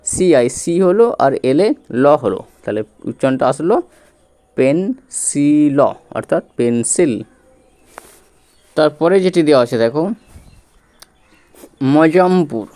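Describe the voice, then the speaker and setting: A man's voice: fairly high pitch, dark tone. A man teaching English reading step by step, spelling words letter by letter and quizzing his students as he goes. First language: Bengali. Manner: patient, repetitive, spells out letters and quizzes the viewer.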